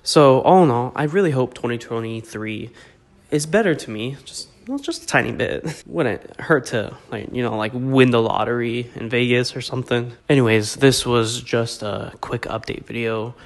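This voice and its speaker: A man's voice: medium pitch, moderate pace. Congested young man vlogging casually. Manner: joking, self-deprecating, rambling. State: congested from a cold. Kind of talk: casual update vlog.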